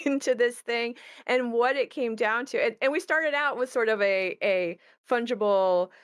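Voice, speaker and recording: A woman who creates games talks casually about game design, thinking aloud and often rephrasing herself. Her voice sits on the high side, captured dry and clean in a studio.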